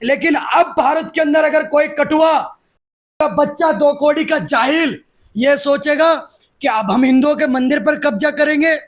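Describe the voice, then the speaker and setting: A man's voice: very high-pitched, steady tone, unhurried. A man, speaking aggressively and defiantly as the guest in a heated political interview. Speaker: interviewee, activist.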